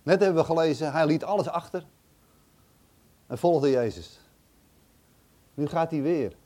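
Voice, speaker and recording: A man's voice: a little high, a little slow, mellow. A man reading a Bible passage aloud and commenting on it casually, thinking aloud with hesitant, chatty asides. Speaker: Bible teacher.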